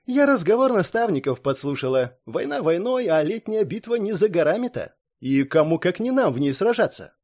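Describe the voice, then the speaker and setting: A plainspoken young country woman, voiced by a male audiobook narrator, speaks in a folksy rustic way. The delivery sits high and swings widely in pitch. It sounds like storybook reading. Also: big pitch swings, moderate pace, hardly any pauses, a little mellow, full character voice. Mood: teasing, earnest. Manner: folksy, drawls "-to" tags.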